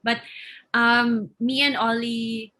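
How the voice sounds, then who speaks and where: A Filipino woman, a radio host and mother, chatting as an interview guest in an animated storytelling way with a Filipino accent, mixing in Tagalog. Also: fairly high pitch, takes it slowly. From Philippines. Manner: animated storytelling, acts out her kids' voices. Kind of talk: casual interview chat.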